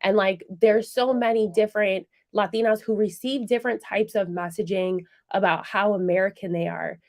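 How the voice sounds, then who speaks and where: A woman's voice: mid-range voice, normal speed. Enthusiastic woman radio host. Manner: enthusiastic and animated, with many fillers. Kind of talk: conversational interview.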